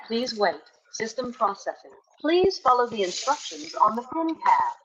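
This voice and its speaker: A woman's voice: on the high side, very animated, unhurried, fairly bright tone, lo-fi sound. A woman's recorded voice coming from a supermarket self-checkout machine, giving polite, scripted, evenly paced checkout prompts. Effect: self-checkout machine announcement played from a store kiosk speaker. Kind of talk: automated store checkout prompts. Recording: noisy livestream pickup of a store checkout speaker.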